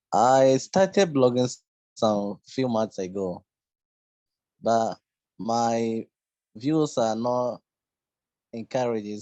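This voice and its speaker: A man from Ghana asking a question on an online workshop call, speaking in a hesitant, halting way. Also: mid-range voice, mellow, dry recording, highs cut off. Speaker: workshop participant.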